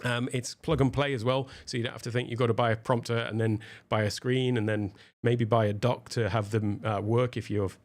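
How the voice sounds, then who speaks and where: A man hosting a live stream, answering viewer questions in a relaxed, casual, explanatory way, pausing often with filler sounds as he thinks. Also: medium pitch.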